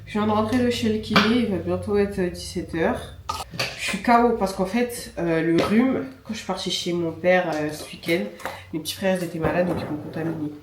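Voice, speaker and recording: A young woman, a vlogger and semi-pro handball player, chats casually in a vlog with a stuffy, nasal voice from a cold, using filler sounds as she goes. Her voice is on the low side and a little fast, recorded from a distance in an echoey room with background noise and music behind her.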